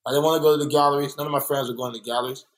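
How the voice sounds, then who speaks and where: Racing along in a mid-range, fairly even voice, this young adult muralist, Kansas City-born and South Central LA-raised, reflects earnestly in a candid conversational interview and repeats himself for emphasis. The recording is rough.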